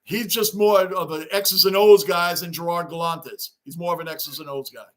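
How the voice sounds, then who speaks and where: A man hosting a casual sports livestream, chatting excitedly and shouting greetings as he reads viewer comments. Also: a little high, moderate pace. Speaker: livestream host. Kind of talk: casual livestream chat reading fan comments.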